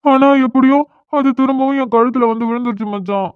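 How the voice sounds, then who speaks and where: A woman's voice: fairly high pitch, fast, no room sound, natural voice. Woman voicing a whiny young man. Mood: complaining. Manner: complaining, self-pitying, pleading. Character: young man, newly and unwillingly married, whiny. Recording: dry, tinny phone-like audio.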